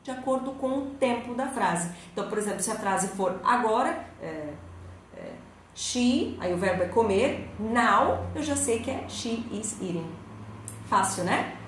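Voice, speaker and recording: A woman's voice: medium pitch, lively intonation, moderate pace. Brazilian woman teacher going through english grammar step by step, asks the class questions, really echoey room w a bit of hiss. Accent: Brazilian Portuguese. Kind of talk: recorded school lesson. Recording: very echoey room, faint noise.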